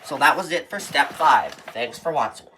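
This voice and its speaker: A medium-pitched male voice, expressive, bright and forceful, moves at a normal pace with slight background noise. The tutorial presenter narrates an informal how-to step by step, keeping his explanations plain and repetitive.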